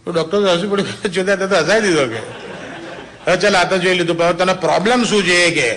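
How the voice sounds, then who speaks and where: Man, slightly high voice, crude joke teller, chatty. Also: brisk, a bit bright. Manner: chatty, crude storytelling, laughing at his own punchlines. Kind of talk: bawdy joke telling to a small audience.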